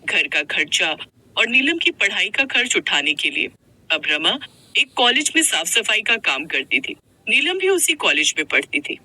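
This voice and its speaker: A woman narrating a moral story for a cartoon in an expressive, melodramatic reading. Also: mid-range voice, normal speed, poor audio.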